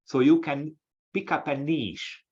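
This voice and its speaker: A man from Hungary with a Hungarian accent, an associate professor giving a lecture-style webinar talk, speaking haltingly with many restarts over a video call. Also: on the high side, darkish tone, husky. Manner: halting, with frequent restarts and fillers. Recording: dull, lo-fi audio.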